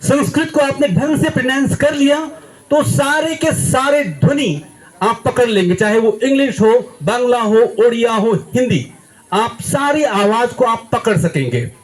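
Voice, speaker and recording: A man's voice: very high voice, lively intonation, unhurried, rough recording. A young man giving a motivational address to schoolchildren, emphatic and quizzing the audience, acting out examples as he goes. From India. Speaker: guest speaker at a school.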